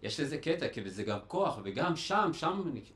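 A man's voice: a little high, sing-song, a bit bright. A man with an Israeli accent hosting a casual interview, speaking colloquially and often rephrasing himself. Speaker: interview show host. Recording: echoey room with clear background noise.

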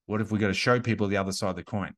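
Aussie guy in his 30s on a podcast, kinda low voice, lots of um and you know, restarts all the time. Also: steady tone, very fast. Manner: rambling, many restarts and fillers. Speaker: podcast guest, business coach. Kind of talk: casual podcast interview.

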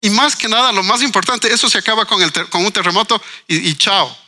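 Earnest bright-voiced man. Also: high-pitched, a little fast. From Ecuador. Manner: earnest, questioning, repeats words while thinking. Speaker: writer and cultural manager guest. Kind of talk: reflective panel discussion.

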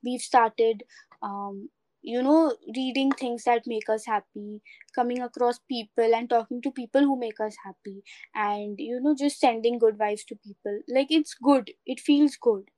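A woman with an Indian accent speaks in a fairly high voice, recorded close and dry. She chats casually and earnestly as a co-host, offering encouragement and mixing in bits of Hindi. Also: fairly even intonation, unhurried, dark tone, no echo. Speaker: podcast co-host. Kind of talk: casual reflective chat mixing English and Hindi.

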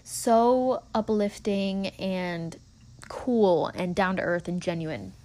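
A woman's voice: mid-range voice, takes it slowly, warm tone. A woman in her twenties hosting a casual solo podcast, talking earnestly and encouragingly with lots of filler words. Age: 20s. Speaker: podcast host.

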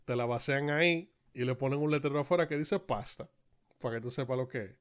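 A man with a Dominican Spanish accent, co-hosting a casual chat and telling stories in a lively, slangy way. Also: medium pitch, fast talker. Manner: animated storyteller, slangy. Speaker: podcast co-host.

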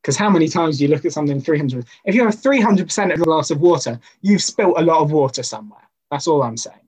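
A man's voice: on the high side, lively intonation, quick pace, darkish tone, breathy edge, low-quality recording. A man giving an informal sermon to a youth group, talking conversationally with personal stories and rhetorical questions.

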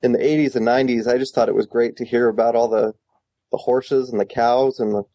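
A man in his thirties calling in over the phone to a podcast discussion, talking in a halting way with many fillers and restarts. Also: mid-range voice, fairly even intonation, mellow, dry recording. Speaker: caller.

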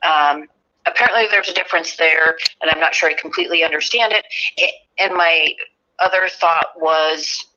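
Lady calling in on a dull lo-fi call line, bright voice, lots of ums. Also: deep voice, normal speed. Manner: hesitant, with many ums. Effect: remote caller heard over a call line that breaks up. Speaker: caller. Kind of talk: casual question on a call-in show.

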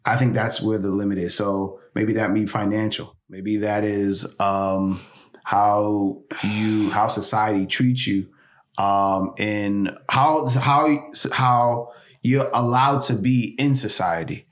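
Slow-spoken man, low pitch, halting casual talk. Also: fairly even intonation. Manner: slow, halting, restarting thoughts. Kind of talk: casual debate chat.

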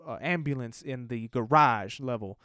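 Smooth-voiced animated podcast man. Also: medium pitch, normal speed, no room sound, clean studio sound. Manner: animated storyteller, swears casually. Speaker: podcast co-host. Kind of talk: casual movie review chat.

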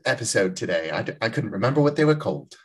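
Male podcast co-host with a low, husky voice and lively pitch, rambling casual chat. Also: very fast. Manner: animated, rambling, with frequent restarts.

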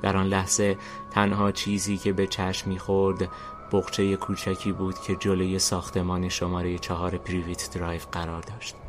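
A man narrating a fantasy story in a steady, deliberate reading style. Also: low voice. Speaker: narrator and host. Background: faint music.

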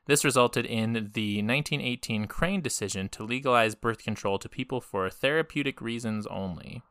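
A man's voice: medium pitch, normal speed, fairly bright tone, clear, resonant tone, no room sound, clean studio sound. A man co-hosting a podcast, talking through history in a laid-back, profanity-laced way and laughing often. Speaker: podcast co-host. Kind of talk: casual history podcast chat.

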